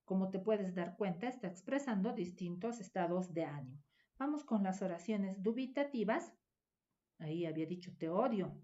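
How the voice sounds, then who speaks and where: A woman teacher explaining a grammar lesson in a measured, step-by-step classroom manner. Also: medium pitch, expressive, warm tone, highs cut off.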